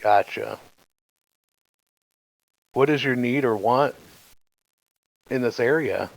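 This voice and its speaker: A man's voice: mid-range voice, takes it slowly, creaky, poor audio. A man playing a tabletop game, talking casually and asking the game master lots of questions. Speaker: player.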